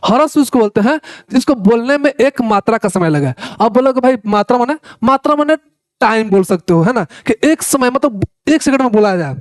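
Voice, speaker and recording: A man's voice: extremely high pitch, lively intonation, a little fast, no echo, studio quality. A man teaching Sanskrit grammar to Ayurveda students in a casual, chatty lecture, repeating his words and often checking in with his listeners. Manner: chatty, keeps asking "है ना" and addressing listeners as "भाई साहब"; repeats words while explaining.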